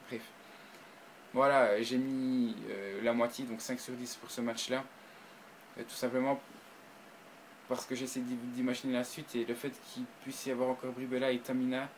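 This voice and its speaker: Hesitant, excitable man reviewing. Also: medium pitch, moderate pace, slight background noise, low-quality recording. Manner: hesitant, frequent restarts and fillers, bursts of excitement. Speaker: video reviewer. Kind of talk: casual spoken review to camera.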